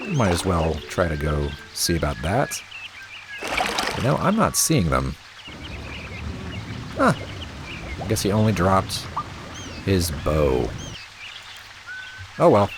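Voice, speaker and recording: A man with a very low voice talks through his gameplay in an unhurried, wry way. His pitch swings widely as he reacts, and steady rain noise sits clearly behind him. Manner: relaxed, wry, thinking aloud. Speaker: let's play host. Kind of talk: casual gameplay commentary.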